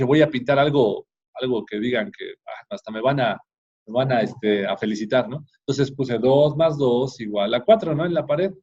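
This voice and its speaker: A man's voice: medium pitch, a little mellow. A middle-aged man giving an informal talk to parents, often ending phrases with a questioning tag and restarting. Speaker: parenting course speaker. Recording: dull lo-fi recording.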